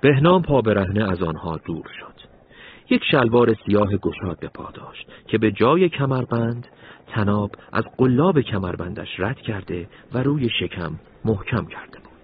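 A man narrating a story in a measured, dramatic way. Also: on the low side, animated, narrow, tinny audio, a little hiss or hum.

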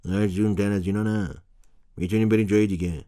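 A man's voice: on the low side, fairly even intonation, dark tone, voice pushed up, natural voice. A man voicing a shrewd but kindly shopkeeper in a storybook, speaking persuasively.

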